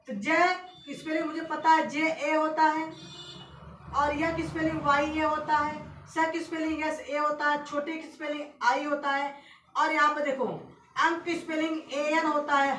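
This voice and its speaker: A woman teacher giving a classroom lesson, spelling out letters slowly and often checking that her students follow. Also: high-pitched, fairly bright tone. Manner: repetitive, keeps checking students understand. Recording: echoey room from far off, faint hiss.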